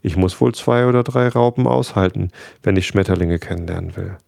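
A man with a low, gravelly voice voicing a proud, delicate female flower in a storybook reading, with his pitch lifted. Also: fairly quick, a little mellow, dry recording, studio quality. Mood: gentle.

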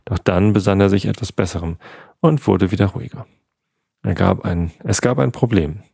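A man with a low, dark voice reads a bedtime story in a calm, unhurried way, now and then stumbling and correcting himself. There is a gravelly, husky grain to his voice, and the sound is dry and close. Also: no echo. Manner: calm reading with small slips. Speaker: podcast host.

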